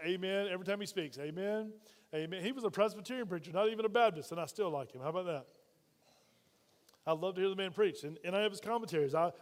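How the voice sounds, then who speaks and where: Male pastor, high voice, lively sermon delivery with questions to the pews, long church reverb. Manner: energetic, calls out questions to the congregation.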